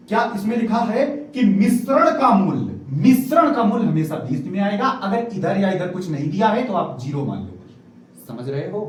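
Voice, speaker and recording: A male maths teacher with a high, lively voice, coaxing his students along as he works through problems. He is recorded from a distance in a very echoey classroom, with faint noise behind him. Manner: coaxing, repeatedly prompts students to read aloud.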